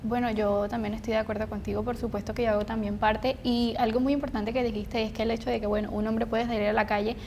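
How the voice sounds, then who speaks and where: A woman's voice: little pitch movement, fast talker, few pauses, a little mellow. A woman co-hosting a podcast, discussing casually in a wordy, explanatory way. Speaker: podcast co-host. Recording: noisy, low rumble behind voice. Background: rumbling background noise.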